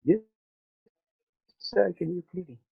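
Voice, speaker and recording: Man, gravelly, breaking-up call audio, tinny phone-like line. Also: sits high, normal speed. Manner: short polite confirmations. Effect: online call breaking up, dropping stream quality. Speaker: student on a call.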